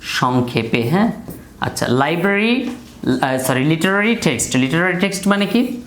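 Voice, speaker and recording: A man's voice: fairly high pitch, lively intonation, normal speed, a bit bright. Man drilling word meanings in an echoey room. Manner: repeats each word meaning in call-and-response. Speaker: English teacher. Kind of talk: classroom vocabulary drill. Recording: echoey room with faint background noise.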